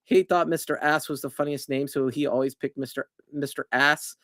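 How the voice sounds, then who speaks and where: A man's voice: a little high, fairly even intonation, normal speed, a bit bright, no echo, studio quality. A middle-aged man hosting a casual game chat stream, rambling and correcting himself with frequent chuckles.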